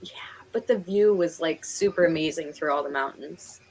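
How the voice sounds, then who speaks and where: This woman, from Pennsylvania and New York in the United States, hosts a live stream with a Northeastern American accent, chatting casually and sounding giggly and talkative. Her voice is low and husky with a darkish tone, she speaks at normal speed, and the recording is low quality.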